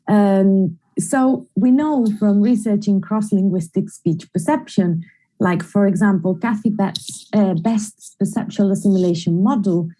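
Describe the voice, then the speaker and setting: Woman, conference presenter, very dark mellow voice, methodical academic explaining, computer mic. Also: medium pitch, low-quality recording. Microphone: computer mic in an online screen-share presentation.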